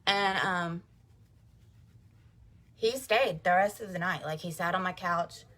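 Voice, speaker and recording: A woman vlogger tells her viewers a personal faith story, speaking directly to them in a chatty, emphatic way. Her voice is fairly low, slow, and sharp in tone.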